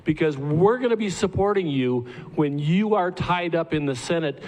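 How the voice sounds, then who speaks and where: A man speaking at a campaign event, rallying supporters in a slow, deliberate way. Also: fairly high pitch, lively intonation, a little mellow. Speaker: campaign supporter introducing the candidate. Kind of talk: rally pep talk. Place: event room with audience. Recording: faint ambient noise.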